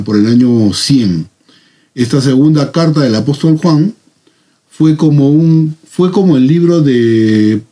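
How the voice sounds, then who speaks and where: A man with a Peruvian Spanish accent leading a Bible study, talking in a measured, earnest way with pauses and fillers. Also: mid-range voice, dark tone, breathy edge. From Peru.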